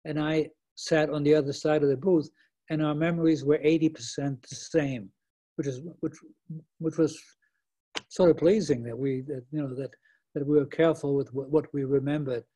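A man in his eighties from the Netherlands, speaking at a remote lecture in a halting way with many restarts and fillers. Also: a little high, fairly even intonation, warm tone, breathy edge. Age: 80s. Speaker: Holocaust survivor speaker.

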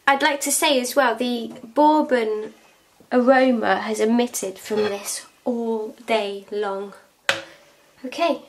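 A woman in her thirties talks casually through a home cooking session, her voice sitting a little high. She is picked up by a camera mic across an echoey kitchen, with pots and cutlery clattering behind her. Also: fairly even intonation, slow, distant mic, a little hiss or hum. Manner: chatty, talks while working. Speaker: cooking vlogger. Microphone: camera mic from across the room.

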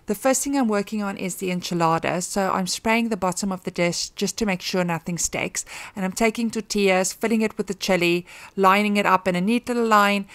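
A woman in her thirties talking through a home cooking routine in a relaxed, chatty way, with frequent ums. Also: mid-range voice, fairly quick, no echo. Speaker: cooking vlogger. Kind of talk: casual voice-over narration of cooking steps.

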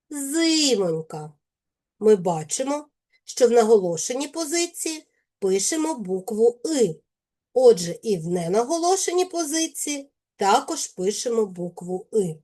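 Woman, Ukrainian accent, teacher, slow careful enunciation, mellow tone, lively pitch. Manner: slow, careful, deliberate enunciation of sounds and words. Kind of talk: scripted lesson for children.

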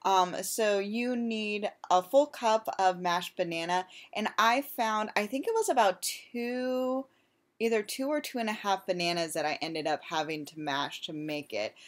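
A vlogger with a medium-pitched voice and measured pace talks casually about her home cooking. She rambles in a chatty, self-deprecating way, full of fillers.

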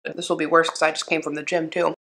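A woman's voice: deep voice, little pitch movement, fast, a bit bright, rough recording. Chatty woman talking while eating. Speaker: YouTuber. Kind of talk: casual eating chat video.

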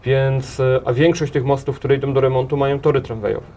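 A man in his thirties who heads a transport association answers questions in a studio interview, speaking in halting runs full of restarts and repeated words. His voice is medium-pitched, level and a little mellow, picked up by a table mic in a small TV studio.

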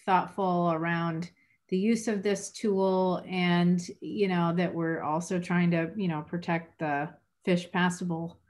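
A woman's voice: lowish voice, fairly even intonation, slow pace, a little mellow. A woman city council member asking questions in a meeting over a video call, hesitant, with many fillers.

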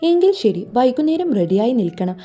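A woman's voice: fairly high pitch, sing-song, brisk, warm tone. A woman voicing a stern, commanding young husband who gives curt orders in a storybook reading, over faint music.

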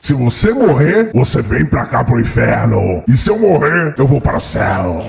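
Man as a very gravelly demon, voice changer. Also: mid-range voice, sing-song, normal speed, reverberant, big-room sound, slight background noise. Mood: challenging. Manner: mocking, foul-mouthed, gloating. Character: gleeful, taunting male demon from hell. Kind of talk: improvised role-play while gaming.

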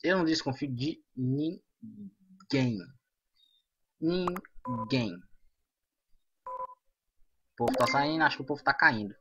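Dramatic Brazilian gamer man, lively. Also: mid-range voice, slow, pauses often, lo-fi sound, slight background noise. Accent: Brazilian Portuguese. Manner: dramatic, swings from groans to loud outbursts. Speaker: gamer playing a social deduction game. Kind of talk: excited gameplay commentary.

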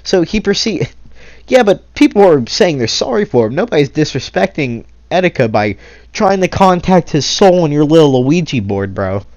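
A man's voice: on the high side, big pitch swings, moderate pace, darkish tone, no echo, lo-fi sound. A young man in an angry commentary rant, indignant and exasperated, sighing often and swearing. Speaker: commentary creator. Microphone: console capture mic.

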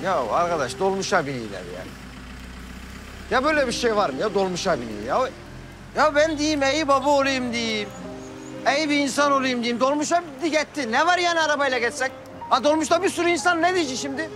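A man's voice: very high voice, big pitch swings, music in the background. An actor playing a middle-aged, hot-tempered father who blusters and grumbles in a TV drama. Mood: grumbling. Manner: blustering, quick to anger, grumbling. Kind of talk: TV drama acting.

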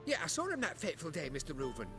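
An actor playing a timid, deferential middle-aged bathhouse servant, prim and meek in manner. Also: male voice, on the high side, wildly swooping pitch, very fast, over music. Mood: meek, anxious.

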